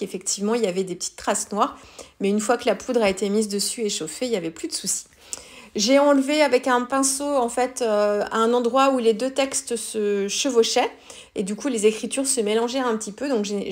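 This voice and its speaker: Middle-aged woman, slightly high voice, relaxed chatty tutorial delivery with frequent hesitations. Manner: chatty, many hesitations and fillers. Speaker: scrapbooking tutorial maker. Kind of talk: casual craft tutorial.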